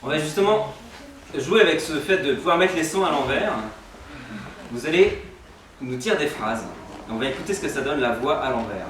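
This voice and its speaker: A man's voice: fairly high pitch, lively intonation, normal speed, long pauses, a bit bright, a little hiss or hum. A man leading a group audio workshop, explaining step by step with patience. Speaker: workshop leader. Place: large echoey room with a group. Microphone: distant microphone. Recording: echoey room, far-off mic, crowd chatter.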